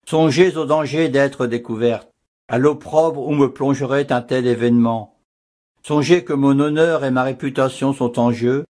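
A man reading the lines of a grave, measured monk prior in an audiobook. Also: medium pitch, a little mellow, natural voice. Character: grave male monk prior, torn and firm.

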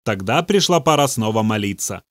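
A man's voice: lowish voice, animated, a little fast, dry recording, clean studio sound, natural voice. A man voicing an earnest male believer who questions a demon. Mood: probing.

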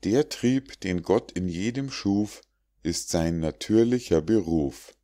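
A man narrating an audiobook of rhymed fables in a deep, low voice. He reads slowly and deliberately, giving the verses a measured, declamatory cadence. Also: lively intonation, dark tone.

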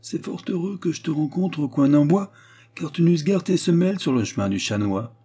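A man's voice: a little high, animated, moderate pace, mellow, husky, voice pushed up. A man voicing an irascible, woman-hating old male professor who scolds fiercely and sarcastically. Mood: ironic.

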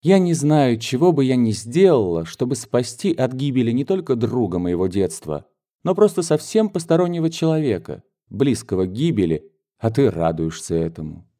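A man lifts his voice well above his own to play a spirited young woman from a classic novel, earnest and reproachful. Her talk runs hot and pleading, and her pitch climbs and swings widely. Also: very animated, normal speed, warm tone, close to an everyday voice.

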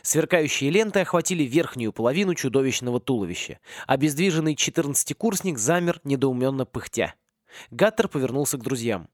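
A man narrating a comic fantasy audiobook in an expressive reading. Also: medium pitch, fairly quick, no echo, clean studio sound. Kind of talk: scripted narration.

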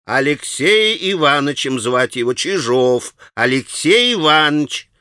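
A man's voice: fairly high pitch, big pitch swings, a little slow, sharp tone, clear, resonant tone, no echo, clean studio sound, exaggerated voice. A man voicing a serious, insistent market woman in an audiobook. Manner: earnest, insistent. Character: serious older market woman, matter-of-fact.

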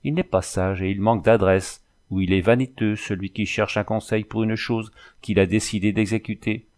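A proud young native woman from an old adventure storybook, as a male reader puts her on, calm, solemn and prophetic. She talks in measured, grave phrases, lifted higher than the reader's own low voice. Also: lightly acted. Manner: solemn, measured, speaks of herself by name.

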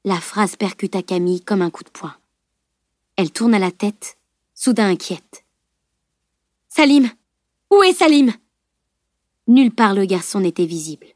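A woman narrating a novel aloud as an audiobook reader, in a measured storytelling tone. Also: medium pitch, a little mellow, no echo, studio quality. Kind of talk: scripted narration.

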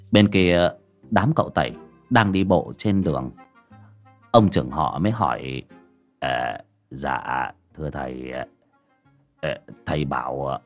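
A man's voice: lowish voice, slightly rough. A man narrating a horror audiobook with dramatic storytelling. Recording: faint background music.

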